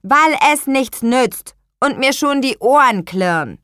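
Woman doing an excitable, impatient young boy. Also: sits high, slow, clean tone, no echo, studio quality, pitched above the performer's own voice, heavily acted. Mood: excited. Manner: eager, exclaiming. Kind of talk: audiobook character voice.

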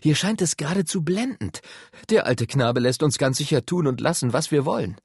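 A man reading an audiobook voices an eager, confident eldest boy, full of excitement. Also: a little high, a little fast, husky, dry recording, clean studio sound, voice pushed up. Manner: eager, enthusiastic.

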